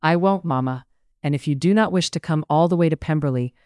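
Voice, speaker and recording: A narrator voicing a young heroine, gentle and breathy. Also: mid-range voice, brisk, dry recording, studio quality, lightly acted. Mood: tender. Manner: gentle, breathy in love scenes. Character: witty young woman, Elizabeth, warm, breathless.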